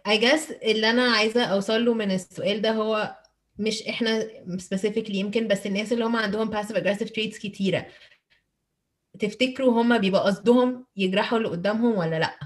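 A woman's voice: mid-range voice, fairly even intonation, fast talker. Egyptian woman mixing Arabic and English. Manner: mixes Arabic and English mid-sentence. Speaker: discussion host posing questions. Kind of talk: casual reflective group chat.

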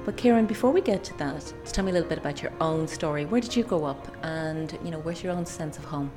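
A woman's voice: low voice, animated, fast, over music. A woman with an Irish accent, presenting a podcast and putting questions as the interviewer.

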